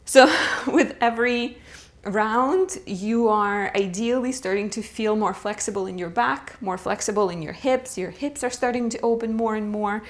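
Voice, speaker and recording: A young woman teaching a beginner yoga class, calmly cueing each breath and pose and encouraging the students between rounds. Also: medium pitch. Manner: slow, calm cueing of breath and poses. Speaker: yoga instructor. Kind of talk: guided yoga class instruction.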